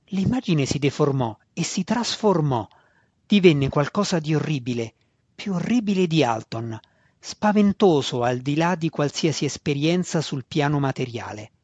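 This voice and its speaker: A man narrating a fantasy audiobook in a steady, expressive way, with a voice on the higher side. The recording is dry and a little dull, with no room sound. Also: normal speed, slightly rough, no echo. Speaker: audiobook reader.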